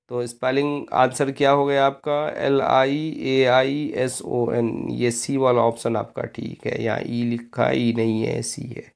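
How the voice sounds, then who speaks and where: A male English teacher leads an exam-prep spelling lesson at an unhurried pace. His voice has a gravelly fry to it. He spells words out letter by letter, deliberately, and keeps addressing his students as friends. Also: medium pitch.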